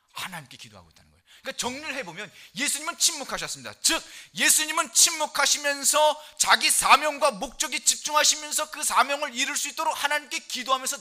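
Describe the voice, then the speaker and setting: A middle-aged male pastor preaching a sermon, animated and emphatic, reading scripture loudly and dropping low for key points. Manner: animated preaching, quick and emphatic, rising loud for scripture quotes; drops to low soft tones for key points.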